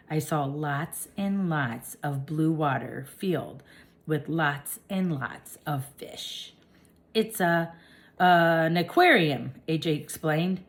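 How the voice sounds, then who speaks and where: Woman narrator, low and unhurried, gentle storybook reading. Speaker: audiobook narrator. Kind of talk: children's audiobook narration.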